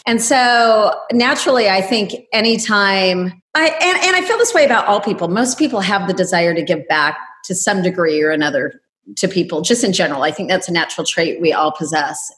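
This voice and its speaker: A woman's voice: medium pitch, animated, a little fast, a bit bright. A woman in her fifties talking casually as an interview guest, chatty and anecdotal. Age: 50s. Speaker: interview guest, travel agency owner. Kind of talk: casual conversational interview talk.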